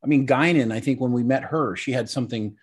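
A man's voice: medium pitch, fast talker, slightly rough. Guy co-hosting a review show from home, rambly, lots of "you know" and "i guess". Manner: rambling, hedging explanations with fillers. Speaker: podcast co-host. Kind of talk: casual review chat.

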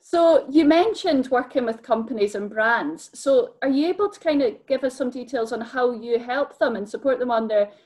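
A woman's voice: on the high side, moderate pace, hardly any pauses, a little mellow. A woman, hosting an interview over a video call in a friendly, encouraging way. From Dumfries and Galloway, Scotland. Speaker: host. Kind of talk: remote interview. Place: bright home room.

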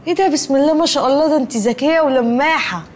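A woman's voice: high voice, rapid-fire, a little hiss or hum, close to an everyday voice. An actress playing a sly, chatty young woman from a poor family in a TV sitcom, with an Egyptian Arabic accent. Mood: wheedling. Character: cheeky, scrappy poor young female cousin. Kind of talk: TV sitcom acting.

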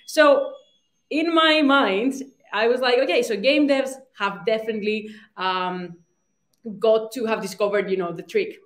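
With a somewhat high voice and a slightly slow pace, a young woman from Greece who founded a startup delivers a conference talk. She sounds hesitant, frequently restarting and saying um, and the room reverb is noticeable.

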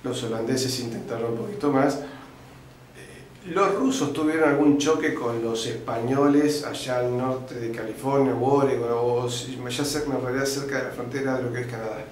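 A man with an Argentine accent, a guest in an interview, telling a long history lesson and often stopping on "este" and "eh" and clearing his throat. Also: mid-range voice, moderate pace. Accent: Argentine Spanish. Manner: didactic storyteller, uses fillers like "este" and "eh", clears throat often. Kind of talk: lecturing historical account. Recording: very echoey room with faint background noise.

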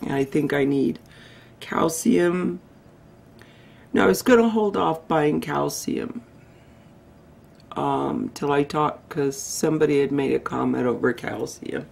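A woman vlogger chatting in a rambling, digressive way, her voice going hoarse as she loses it. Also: deep voice, slow pace, pauses often, a little mellow, low-quality recording. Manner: chatty, digressive, self-interrupting. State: losing her voice. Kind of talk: casual rambling vlog chat.

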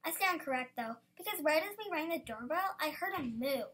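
High-voiced schoolgirl reading her story. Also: brisk. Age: child. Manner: lively, bursts into excited exclamations. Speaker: student storyteller.

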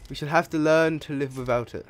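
A man giving casual let's play commentary while gaming, chatty and profane, with sudden excited yelps. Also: a little high, fairly quick. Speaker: gaming video creator. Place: home room.

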